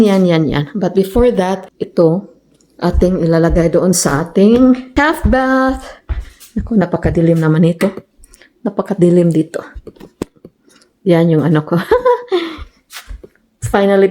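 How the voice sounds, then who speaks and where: A woman's voice: fairly low pitch, measured pace, long pauses, warm tone. A woman from the Philippines chatting casually while she cooks at home, telling stories and laughing often. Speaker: vlogger. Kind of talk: casual chat while cooking. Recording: echoey room, mic at a distance.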